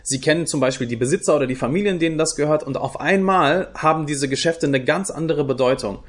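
A man's voice: a little high, fast talker. A young adult man from Germany answering interview questions in a thoughtful way, with many fillers and restarts. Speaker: guest, youth project leader.

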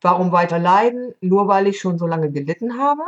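A woman's voice: fairly low pitch, a little fast, muffled recording, lightly acted. A woman voicing a lamenting old woman. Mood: plaintive. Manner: plaintive, moaning. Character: old woman carrying a heavy burden, lamenting.

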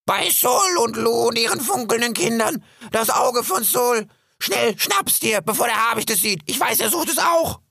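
A man voicing a grumpy, scruffy male raven in an audiobook, croaking and scolding theatrically. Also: on the high side, sing-song, moderate pace, pushed and bright, dry recording, clean studio sound, pitched above the performer's own voice, full character voice. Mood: excited. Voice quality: gravelly, husky croak. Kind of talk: audiobook character voice.

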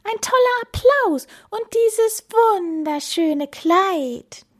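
Brief: shrill excitable cartoon penguin showman voiced by a woman, squeals up high with lively swoops. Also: very slow, heavily acted. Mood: excited. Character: squealing showy male penguin performer.

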